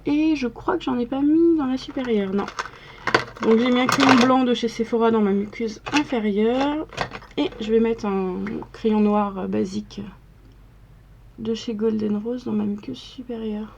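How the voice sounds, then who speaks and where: A woman's voice: fairly high pitch, unhurried, vocal fry, darkish tone, lo-fi sound, slight background noise. A young woman chatting casually through a makeup tutorial, narrating each step as she works in front of the camera. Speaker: makeup vlogger.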